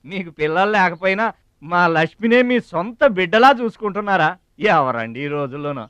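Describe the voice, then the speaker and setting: A man's voice: sits high, expressive, fairly quick, a bit bright, clear, resonant tone, no echo, dull audio. A middle-aged man in a film, speaking emphatically and effusively as a hospitable younger brother. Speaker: younger brother of the household head. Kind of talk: film dialogue.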